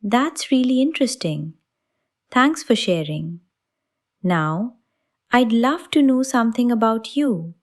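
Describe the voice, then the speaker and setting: A woman voicing a friendly young woman who asks upbeat questions in a slow café conversation. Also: fairly high pitch, lively intonation.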